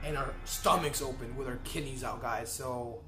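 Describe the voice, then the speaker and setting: A man's voice: medium pitch, moderate pace, bright, forceful tone. Young guy chatting over music. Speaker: co-host sidekick in a challenge video. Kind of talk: casual chat.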